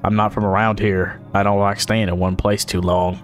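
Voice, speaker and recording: Male gamer playing a gruff aging drifter, low and conspiratorial. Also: flat delivery, normal speed, soft background music, natural voice. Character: gruff old wandering drifter man.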